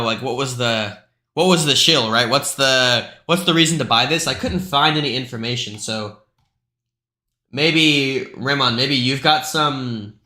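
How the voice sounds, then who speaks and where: A man's voice: mid-range voice, bright, forceful tone, reverberant. A man hosting a live stream, talking through price charts in a loose, chatty way with lots of asides. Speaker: crypto live stream host.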